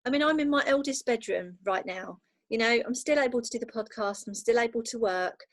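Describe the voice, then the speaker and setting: A woman's voice: on the high side, dry recording. A woman guest on a podcast, agreeable and reflective, speaking from a bedroom at home. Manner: agreeable and reflective, quick to affirm with "absolutely". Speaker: virtual assistant, guest. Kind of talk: casual chat.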